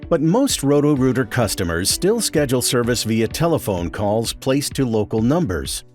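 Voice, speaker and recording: An American man delivers scripted narration for a corporate training video. His voice sits at a medium pitch and moves in a very lively way, with music playing behind him. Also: normal speed.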